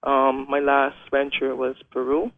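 A man's voice: mid-range voice, monotone, measured pace. A young man from Guyana, a wheelchair racer talking hesitantly as a guest in a radio interview. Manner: hesitant, many "um"s and restarts. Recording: phone-line radio call.

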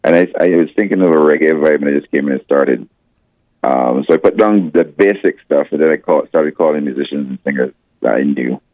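An older man calling into a radio show as a guest musician, with a deep morning voice, telling a rambling story full of restarts. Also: brisk, no echo, narrow, tinny audio. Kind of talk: phone-in radio interview.

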